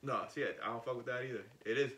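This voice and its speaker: A podcast co-host chats casually, rambling and joking with lots of filler words. His mid-range voice is very fast, pushed and bright, recorded from a distance in an echoey room.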